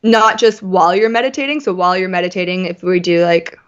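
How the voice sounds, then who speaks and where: A woman's voice: fairly low pitch, fast, highs cut off. A woman, a neuroscientist guest in a casual interview, talking animatedly and laughing often. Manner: animated, laughs often, acts out quoted thoughts.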